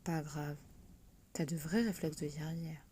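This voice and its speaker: A young male cat with a lowered, gentle voice, put on by a woman reading a fan-made audiobook. He speaks slowly and teases his friends with easy warmth. The tone stays relaxed and unhurried. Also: a little hiss or hum. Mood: reassuring. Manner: easygoing, teasing.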